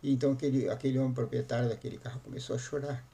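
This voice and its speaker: Brief: man, pastor, repetitive, emphatic sermon storytelling, gravelly voice. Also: medium pitch, steady tone, rapid-fire, mellow.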